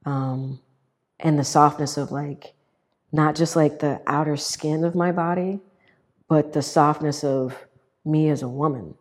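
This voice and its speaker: Soft-spoken woman, halting testimonial. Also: low-pitched, steady tone. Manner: halting, many fillers and restarts. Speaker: guest sharing her experience. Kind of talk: personal testimonial.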